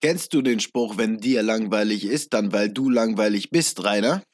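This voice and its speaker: Male commentator, deadpan and sarcastic, scripted voice-over in a very dry booth. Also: fairly low pitch, moderate pace, dry recording. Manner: dry, mocking, lecturing.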